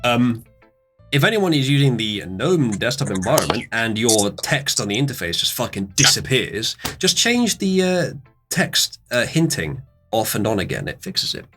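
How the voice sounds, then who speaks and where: Laid-back man with a lively voice. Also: medium pitch, normal speed, soft background music. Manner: relaxed, laughs a lot, swears. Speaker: streamer running the game. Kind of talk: casual chat.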